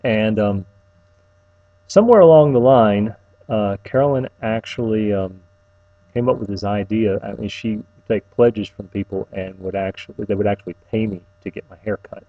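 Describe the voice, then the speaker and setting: A middle-aged man delivers an informal, personal eulogy, tenderly reminiscing in a halting, faltering way with long pauses. His voice is lowish, and the dry recording has phone-quality sound.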